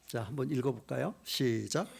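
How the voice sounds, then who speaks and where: A male pastor preaching a revival sermon in church, impassioned, dropping to hushed whispers and rising to loud cries. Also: mid-range voice, moderate pace, gravelly.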